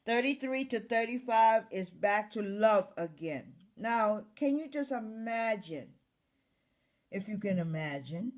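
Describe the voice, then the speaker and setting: A woman reading Bible verses aloud and pausing to reflect on them with emotional emphasis, as a Bible study teacher. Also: medium pitch, darkish tone. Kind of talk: scripture reading with commentary.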